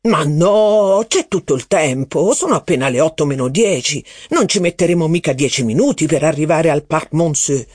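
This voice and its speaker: A man reading aloud voices a blustering, impatient aristocratic duke who talks in loud exclamations. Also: a little high, lively intonation, moderate pace, hardly any pauses, no room sound, studio quality. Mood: scolding.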